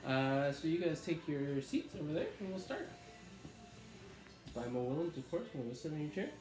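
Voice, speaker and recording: A man's voice: on the high side, animated, moderate pace. Man reading a picture book aloud. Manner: friendly, chatty asides to children. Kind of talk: children's read-aloud. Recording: echoey room with background music.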